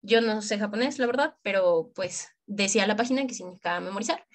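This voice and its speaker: A young adult woman from Michoacán, Mexico, with a Mexican accent, speaks fast in a mid-range voice. She presents an informal screen-share tutorial for medical students, using colloquial slang and talking straight to the listener.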